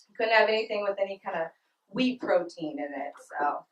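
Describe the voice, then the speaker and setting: A woman's voice: mid-range voice, expressive, fairly quick, dull audio. A young woman performing a stand-up comedy set in a small club, giggling and breaking into laughter mid-line. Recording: roomy club sound from a distant mic.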